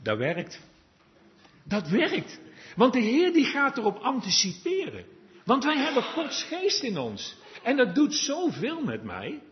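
A man's voice: very high voice, wildly swooping pitch, unhurried, a little hiss or hum. A man preaching a sermon, chatty and confiding, sometimes dropping to a murmur and then rising to earnest exhortation. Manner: conversational and confiding, drops to a murmur then rises to emphatic exhortation. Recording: dull lo-fi recording.

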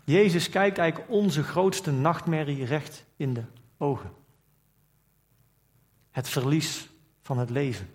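A man's voice: on the high side, takes it slowly, long pauses. Man preaching a reflective sermon. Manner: reflective, asks rhetorical questions; reads scripture in archaic formal wording. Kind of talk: sermon with scripture reading.

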